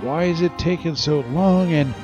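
A man's voice: fairly high pitch, moderate pace. A man hosting a radio show in a casual, rambling, folksy way, chuckling now and then. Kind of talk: casual chatty radio presentation. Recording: dull sound with music behind.

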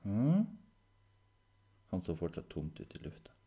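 A man narrating a children's story chapter with an expressive, dramatic reading. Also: deep voice.

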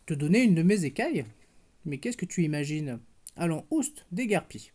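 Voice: medium pitch, very animated, moderate pace, darkish tone. A parent reading aloud and voicing a vain, proud fish who speaks with disdain. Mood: disdainful. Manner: haughty, disdainful.

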